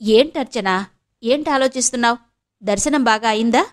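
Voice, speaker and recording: A firm, sharp-tongued young woman in a spoken audio novel, needling and lecturing her friend. Her voice sits higher than the narration and stays pressed and insistent, as the reading woman puts her on. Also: moderate pace, close to an everyday voice. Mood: coaxing.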